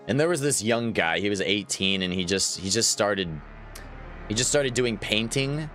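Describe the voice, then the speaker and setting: This man, in his thirties, livestreams a game and keeps up casual chatter, laughing a lot as he responds to viewers. His voice is medium in pitch and a bit bright.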